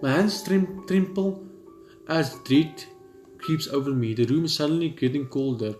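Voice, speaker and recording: A young adult gaming video host with a high, slightly mellow voice reads visual novel text aloud during a let's play, halting and stumbling over words. He's in a room at home, and there's a roomy echo beneath the game music.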